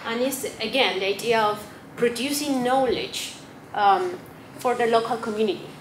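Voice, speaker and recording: A woman from Chile, a native Spanish speaker, presenting at an academic symposium and pausing often with fillers and restarts. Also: on the high side. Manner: hesitant, many fillers and restarts. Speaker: academic panelist. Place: conference room. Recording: echoey hall with noise.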